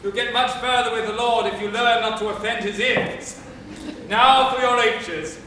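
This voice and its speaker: A man's voice: extremely high pitch, fairly even intonation, pushed and bright, a little hiss or hum. Higgins, a man playing a pompous professor. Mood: lecturing. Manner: brisk, commanding, lecturing. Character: impatient, pompous male phonetics professor. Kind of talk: amateur stage play. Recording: echoey stage, distant mic.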